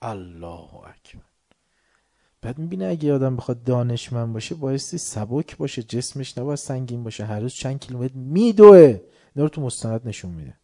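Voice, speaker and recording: A man giving a religious lecture, swinging between soft asides and loud, heated outbursts. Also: mid-range voice, expressive. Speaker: preacher.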